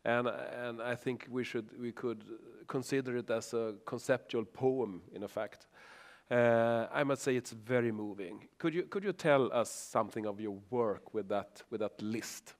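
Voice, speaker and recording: A man's voice: medium pitch, a little slow. A man interviewing an author, speaking hesitantly and often restarting his sentences. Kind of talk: live talk interview.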